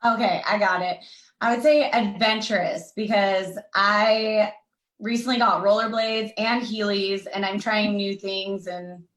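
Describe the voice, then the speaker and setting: A woman's voice: medium pitch, steady tone, measured pace, a bit bright, reverberant, rough recording. A woman speaking on an online recovery panel, chatty and rambling with lots of fillers. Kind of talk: casual panel conversation.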